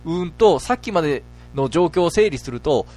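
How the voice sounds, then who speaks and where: Brief: a bossy, easily baffled male teacher read by a man, fairly high, lively voice, faint music behind. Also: moderate pace, lightly acted. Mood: teacherly. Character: flustered male schoolteacher leading a game.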